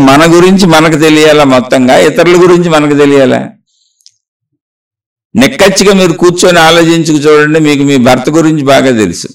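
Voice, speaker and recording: Quick, earnest male spiritual speaker piling up rhetorical questions, slightly distant mic. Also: fairly high pitch. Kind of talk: spiritual talk to listeners.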